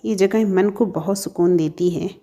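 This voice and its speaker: A woman doing a gentle, polite young suitor. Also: lowish voice, normal speed. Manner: soft-spoken, courteous.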